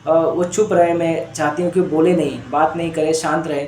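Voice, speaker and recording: A man's voice: a little high, flat delivery, normal speed, darkish tone, slight background noise, natural voice. A man voicing a distressed woman patient in pain, pleading and repeating herself, calling him sir. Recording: echoey room.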